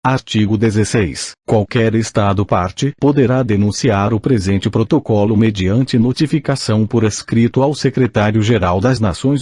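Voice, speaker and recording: A synthesized male voice, like an old speech synthesizer, reading a formal audiobook in a mechanical, stilted and measured way. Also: lowish voice, darkish tone, slightly rough, no echo, clean studio sound.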